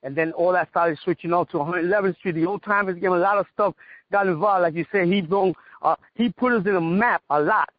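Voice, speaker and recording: A martial artist from New York, guesting on a casual radio interview, reminisces while giving street-direction detail. He has a high-pitched voice and talks fast. The audio is dry, dull, lo-fi radio sound.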